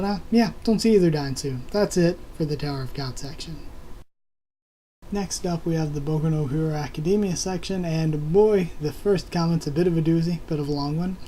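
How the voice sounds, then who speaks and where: Losing his voice, a man hosts a laid-back video replying to viewer comments, rambling and using many fillers. His pitch is fairly high and his tone warm, at a moderate pace, but the audio is poor, with a little hiss or hum.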